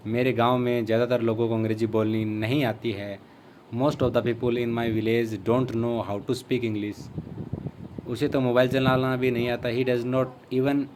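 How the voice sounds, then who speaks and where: Indian man, slow and flat English lesson. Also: mid-range voice, a little hiss or hum. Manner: reads Hindi quickly, then gives the English slowly and deliberately. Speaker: English teacher. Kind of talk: spoken English lesson, Hindi sentences translated into English.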